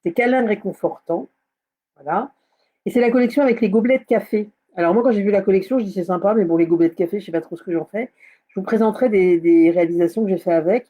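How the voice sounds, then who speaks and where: A woman's voice: medium pitch, fast talker, dark tone. A woman hosting a casual live craft tutorial, chatting with many fillers and hesitations. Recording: slightly dull lo-fi sound.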